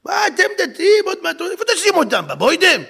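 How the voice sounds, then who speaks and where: A man voicing a pushy young male apartment salesman who badgers loudly and will not let go. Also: very high voice, huge pitch swings, vocal fry, pitched above the performer's own voice, exaggerated voice. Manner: insistent, badgering, loud.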